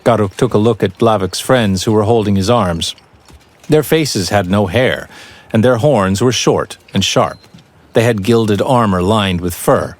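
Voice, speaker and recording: A man narrating a fantasy audiobook in a measured, even storytelling voice. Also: lowish voice.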